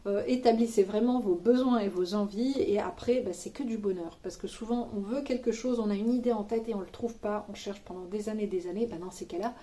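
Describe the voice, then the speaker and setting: A woman's voice: medium pitch, a little fast, hardly any pauses, warm tone. A woman vlogger with children, giving money-saving tips in a casual, informal chat to camera, with slangy asides and teasing humor. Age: adult with children.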